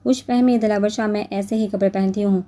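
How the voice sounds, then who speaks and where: A fiery young woman in an audiobook-style romance reading, performed by a female narrator. She talks slowly and pointedly in a slightly raised voice, with a very dark, mellow tone and little melody. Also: medium pitch, steady tone, close to an everyday voice. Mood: angry. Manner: angry, clipped, slow emphatic delivery. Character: fiery young woman, proud and quick-tempered.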